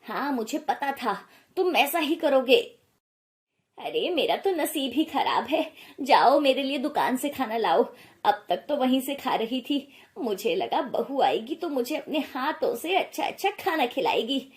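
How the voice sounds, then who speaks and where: A sharp-tongued middle-aged mother-in-law, acted by a woman for an animated storybook, scolding and nagging without letup. Her voice sits fairly high and cuts through with scorn. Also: unhurried. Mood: self-pitying.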